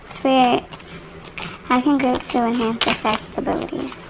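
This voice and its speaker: A young woman talks straight to her viewers through a tarot reading, rambling in a loose, chatty way. Her voice sits a little high and carries a gravelly fry. She is picked up on a phone microphone. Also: flat delivery, moderate pace, noisy background. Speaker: tarot reader.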